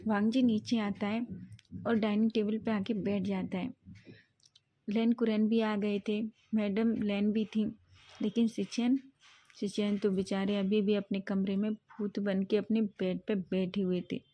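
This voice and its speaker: A woman's voice: mid-range voice, little pitch movement, measured pace, highs cut off. A woman narrating a fan-fiction romance in a casual storytelling way, often correcting herself mid-line. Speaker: story reader.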